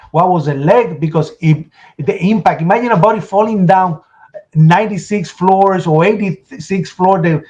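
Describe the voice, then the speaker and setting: A man's voice: a little high, lo-fi sound. Man retelling a disaster, urgent. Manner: urgent storytelling, acts out shouts and his own past words. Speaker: interview guest. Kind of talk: emotional first-person testimony.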